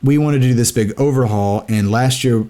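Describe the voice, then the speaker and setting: A man's voice: mid-range voice, normal speed, mellow. A young man talking casually and reflectively, rambling with many restarts and fillers. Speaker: gaming video creator.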